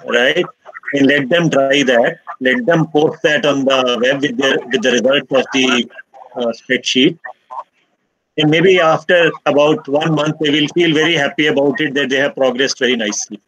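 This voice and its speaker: A man with an Indian accent offering suggestions informally in an online meeting, pausing as he goes. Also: mid-range voice, a bit bright, low-quality recording. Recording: video call with clear background noise.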